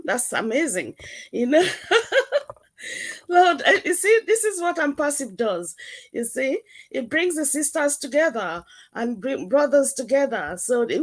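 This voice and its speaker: Affectionate woman from Nigeria, hesitant. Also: on the high side. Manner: hesitant, many fillers, affectionate. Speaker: guest. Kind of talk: casual online chat.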